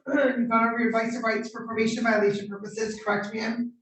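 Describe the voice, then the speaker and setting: A woman judge conducting formal court proceedings in measured, procedural questions, heard on a courtroom recording. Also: fairly high pitch, little pitch movement, a little hiss or hum. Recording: roomy courtroom audio from a distant mic.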